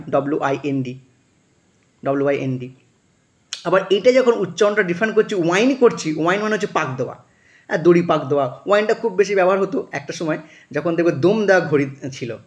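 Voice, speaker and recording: Man, teacher, fairly high voice, patient explaining, spells words letter by letter, thinking fillers. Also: lo-fi sound. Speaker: English teacher. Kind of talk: spoken class explanation.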